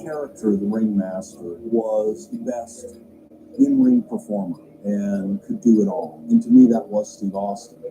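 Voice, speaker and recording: A man commenting in a documentary interview, speaking in a measured, explanatory way. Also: lowish voice, noisy background. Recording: music playing under the voice.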